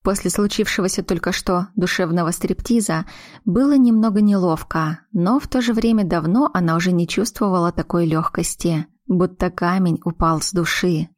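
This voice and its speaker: A woman narrating a novel with an even, storytelling delivery. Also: lowish voice, normal speed, no room sound, clean studio sound. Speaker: audiobook narrator. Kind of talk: scripted narration.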